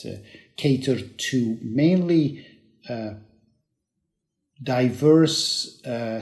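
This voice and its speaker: An older man from Egypt, a professor answering interview questions in a measured way with frequent pauses and fillers. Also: medium pitch, a little mellow. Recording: roomy echo.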